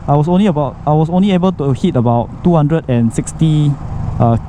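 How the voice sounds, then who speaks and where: A man's voice: a little high, fairly quick, dark tone. A Singaporean man chatting casually as a motovlogger, rambling colloquially with local particles and exclamations, his voice muffled inside a helmet. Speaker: motorcycle vlogger. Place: outdoors, riding a motorcycle inside a helmet. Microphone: microphone inside a motorcycle helmet. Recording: muffled helmet mic, road and engine noise. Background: traffic and vehicle noise.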